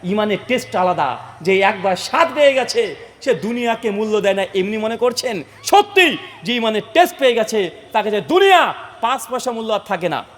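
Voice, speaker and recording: High-voiced preacher in a booming hall. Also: male voice, lively intonation, a little fast, a bit bright. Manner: dramatic storytelling, asks the listeners questions. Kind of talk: sermon.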